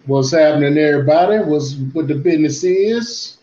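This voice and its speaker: A man with a fairly high voice co-hosts in casual, laid-back chat. He repeats phrases as he goes. The recording is roomy and echoing, with dull, low-fidelity sound. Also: lively intonation, moderate pace, mellow. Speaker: podcast co-host. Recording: echoey room, dull muffled audio.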